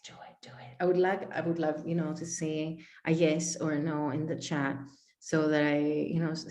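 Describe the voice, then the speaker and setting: A young adult woman from Greece, a life coach, telling a personal story to a live online audience and acting out both sides of each conversation. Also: lowish voice. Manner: animated, acts out both sides of dialogues. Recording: echoey room.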